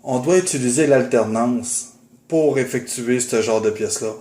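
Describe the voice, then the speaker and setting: A man's voice: mid-range voice, moderate pace. A man teaching a guitar lesson, explaining methodically and patiently, with frequent hesitation fillers. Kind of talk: instructional video. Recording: roomy, with guitar playing in the background.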